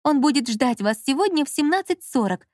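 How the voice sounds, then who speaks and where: A scheming young con woman with a high, lively voice, played by a woman reader, pushing her marks with theatrical flair in this storybook. The sound is dry and close. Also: a little fast, dry recording. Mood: coolly threatening. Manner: theatrical, switching between cold pressure and gushing. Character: sly young woman swindler on the phone.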